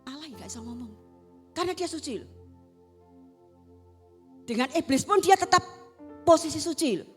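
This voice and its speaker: A woman with a Javanese accent preaching a sermon, swinging between loud exhortation and hushed asides. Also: high voice, expressive, moderate pace, pauses often, soft background music. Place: church service.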